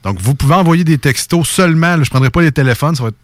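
A man with a Québécois accent co-hosting a radio show, jokey and quick to laugh. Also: fairly high pitch, no echo. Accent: Québécois French. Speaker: radio co-host. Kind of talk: casual radio chat.

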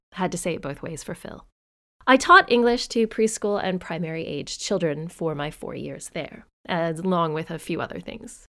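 A woman hosting a podcast in scripted narration with chatty asides, her voice stuffy-nosed and congested from a cold. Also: on the low side. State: under the weather with a cold. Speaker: podcast host.

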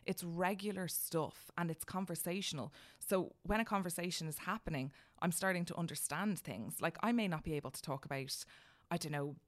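A woman's voice: on the low side, brisk, few pauses. An Irish-accented woman talking casually and emphatically, often repeating words to make her point. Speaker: podcast guest. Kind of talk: casual conversation, telling personal anecdotes.

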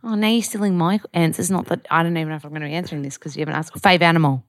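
A woman's voice: deep voice, fairly even intonation, racing, no echo, clean studio sound. A woman with a broad Australian accent hosting a casual, playful, slangy chat interview. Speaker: podcast host.

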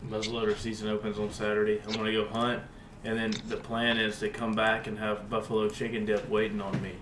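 A man's voice: on the low side, completely flat delivery, fairly quick. Laid-back man in an echoey room. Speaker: podcast co-host. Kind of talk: casual chat about football picks. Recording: roomy with clear background noise.

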